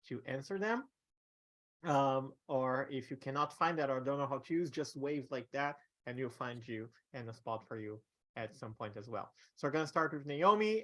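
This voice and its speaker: A man's voice: medium pitch, bright, forceful tone. A man moderating a Q&A over a video call, gracious and hesitant in his speech. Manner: gracious, hesitant with many pauses. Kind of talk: hosting an online Q&A.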